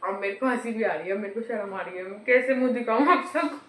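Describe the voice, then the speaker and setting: A woman's voice: fairly high pitch, a little fast. A woman vlogging casually from her home kitchen, chatty and laughing at herself, filmed on a phone in a roomy room. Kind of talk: casual home cooking vlog.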